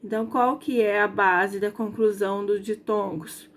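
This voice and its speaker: A woman's voice: medium pitch, fairly even intonation, slight background noise. A woman teacher from Brazil, explaining a grammar lesson to her pupils, stretching out example words and often checking whether they follow. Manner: drawn-out stressed example words, frequent checking questions. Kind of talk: recorded school lesson.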